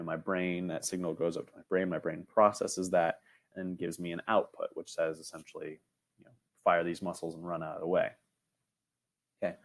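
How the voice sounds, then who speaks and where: A young man with a deep, low-pitched voice leads an online robotics lesson. He talks casually, with plenty of "um"s, and keeps checking in with his students by asking "right?". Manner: casual, filler-heavy, frequent "right?" checks. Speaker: teacher.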